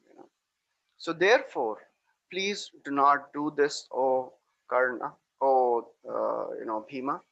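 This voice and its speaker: A man's voice: mid-range voice, slow, vocal fry, a bit bright, muffled recording. A man giving a moral lesson as a spiritual teacher, earnestly retelling an epic story and repeating phrases for emphasis.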